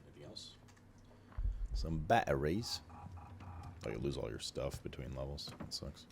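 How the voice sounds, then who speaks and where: A man's voice: extremely low pitch, lively intonation, moderate pace, vocal fry, a little hiss or hum. A man giving laid-back, offhand commentary while playing a video game. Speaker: let's play host. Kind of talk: casual gameplay commentary. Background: game music.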